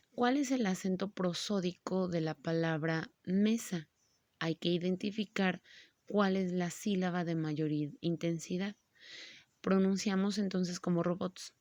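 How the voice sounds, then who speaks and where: A woman teacher giving a grammar lesson, speaking slowly and patiently and stretching words out syllable by syllable. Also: lowish voice, darkish tone, no room sound.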